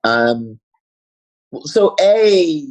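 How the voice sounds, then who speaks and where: A man in his forties with a New York City accent, a school founder telling stories fast and animatedly in a podcast interview. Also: a little high, rough recording. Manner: fast-talking, animated storyteller.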